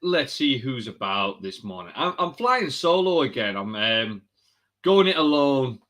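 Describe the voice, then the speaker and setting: A man hosting a live session for coaches, chatty and energetic, calling viewers mate and guys. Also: medium pitch, unhurried. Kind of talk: casual live-stream talk to viewers.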